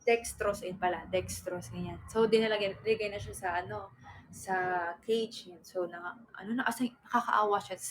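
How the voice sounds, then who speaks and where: Woman, livestream host, casual rambling chat, fillers and restarts, mid pitch, faint background noise. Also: fairly even intonation, moderate pace, poor audio. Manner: chatty, rambling, full of fillers and self-corrections; reads out viewer comments.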